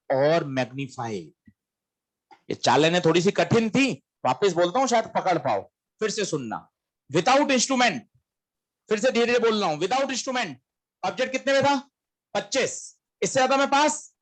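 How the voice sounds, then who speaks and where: A man teaching a physics lesson in a classroom-lecture style, quizzing students and answering his own questions in a coaxing, emphatic way. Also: high voice.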